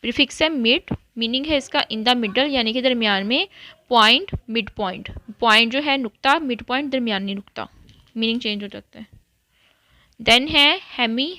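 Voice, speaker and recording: A woman's voice: on the high side, sharp tone, no room sound. A woman English teacher, explaining a lesson step by step and mixing English terms into her Urdu-Hindi talk. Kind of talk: recorded classroom lesson.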